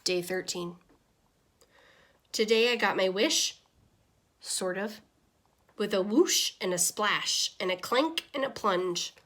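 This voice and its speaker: A woman with a mid-range voice performs a children's picture-book read-aloud, expressive and deliberate, as a small goldfish who gets exasperated easily and narrates its diary. Here the tone is relieved and wistful.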